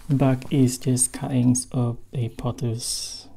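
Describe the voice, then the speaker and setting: A woman's voice: very deep voice, flat delivery, slow pace, creaky, warm tone, husky. A woman giving a casual tour of her houseplants at home, hesitant and self-deprecating, with many fillers. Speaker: plant vlogger. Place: spare room at home.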